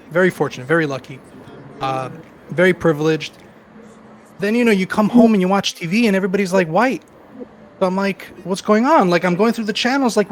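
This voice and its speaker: A man's voice: high voice, a little hiss or hum. A man around forty, chatting casually as a guest and telling his life story in a rambling, self-deprecating way with many fillers. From Queens, New York. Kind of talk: casual chat.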